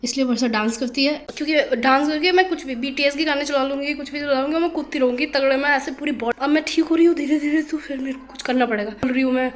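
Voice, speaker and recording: A young woman with a hoarse throat from a cold, chatting in a rambling, self-mocking way as she vlogs her day. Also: sits high, fast, hardly any pauses, slight background noise. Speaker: vlogger. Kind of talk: casual vlog chat.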